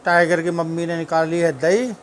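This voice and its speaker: A man's voice: on the high side, steady tone, normal speed, a loud crowd. A man chatting casually at home, narrating his pet dog's antics and talking fondly to the dog.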